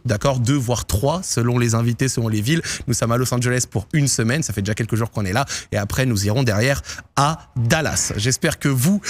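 An energetic man hosting a talk show in a lively, animated way. He talks fast and upbeat to his viewers. When he switches to English, it carries a French accent. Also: medium pitch. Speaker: host.

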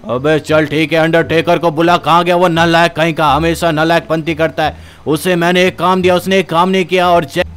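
A man's voice: on the high side, flat delivery, a little fast, a bit bright, clear, resonant tone, lightly acted. A man voicing an angry male gangster boss who scolds and threatens his men. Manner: barking, scolding.

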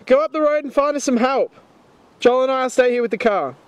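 A man's voice: extremely high pitch, fairly quick, smooth. A man playing a whiny, bickering passenger in an amateur comedy sketch. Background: loud music.

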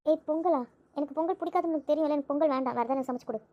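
A gossipy young woman who rattles on with complaints , as a woman acts her. Her voice is high and her speech is quick. It is an amateur audio drama. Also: highs cut off, a little hiss or hum, natural voice. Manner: gossipy, chatty.

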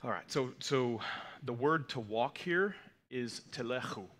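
Expressive and fairly bright, this mid-range male voice keeps a measured pace. The speaker, a man in his thirties who is not a native Hebrew speaker, teaches the weekly Torah portion to a congregation from a lectern in a mid-size indoor sanctuary, patiently defining terms with frequent fillers and "okay?" prompts.

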